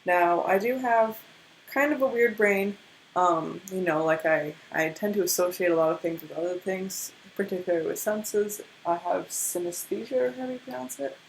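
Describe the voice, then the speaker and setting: A young woman with a slight stutter talks through a tarot card reading in a casual, rambling way. Her voice sits a bit low and sounds tired from lack of sleep. There is a faint hiss behind her. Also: moderate pace, vocal fry, poor audio. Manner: stutters, with many restarts. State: tired from little sleep, yawning. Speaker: tarot reader.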